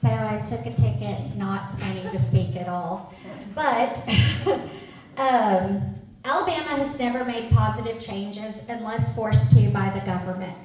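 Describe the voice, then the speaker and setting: Woman, impromptu public commenter at a town hall, earnest, mellow voice, heard from far off in a very echoey room. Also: medium pitch. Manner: earnest, building to a rallying list. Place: museum meeting room.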